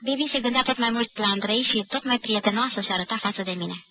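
A woman reading a literary novel aloud in a measured, clear manner, on an old radio archive recording. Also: a little high, sharp tone, muffled recording. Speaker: audiobook reader.

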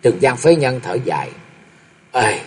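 A man narrating a martial arts novel in a steady storytelling manner. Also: mid-range voice, normal speed, husky.

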